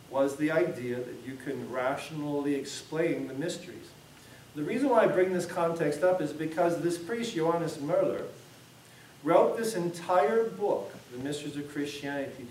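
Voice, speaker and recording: A middle-aged priest gives an informal lecture, his voice sitting a little high for a man. He talks in a loose, discursive way, circling back and restarting his thoughts. The sound comes from a camera at the back of an echoey classroom. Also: a little mellow, slight background noise. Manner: conversational, discursive, many restarts. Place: church hall classroom. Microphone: far camera. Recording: echoey room from far off.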